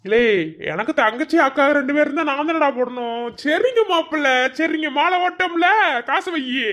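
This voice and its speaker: A man's voice: very high voice, moderate pace. Man voicing a Madurai village father, bantering and coaxing. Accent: Madurai Tamil. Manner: joking banter, turning soft and coaxing with his child. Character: village brother-in-law and doting young father. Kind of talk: cartoon voice acting.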